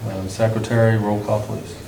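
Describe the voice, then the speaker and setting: A man chairing a municipal council meeting, calling for motions and votes in a brisk, procedural way. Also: lowish voice, level tone, gravelly. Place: council board room. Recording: echoey room, far mic, noisy.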